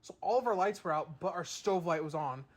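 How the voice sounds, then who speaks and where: A young man with a slightly high voice tells a story on a casual podcast. He swears freely and acts out what people said. The talk is loose and relaxed. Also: brisk. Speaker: podcast co-host. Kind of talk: casual chat.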